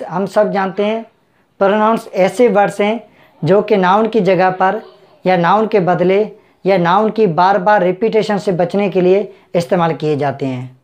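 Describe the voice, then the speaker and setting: A man's voice: high-pitched, a little mellow. Brief: male online tutor, talks straight to viewers, repeats and rephrases each point. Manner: repetitive, keeps addressing viewers directly. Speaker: English teacher. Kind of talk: bilingual grammar tutorial.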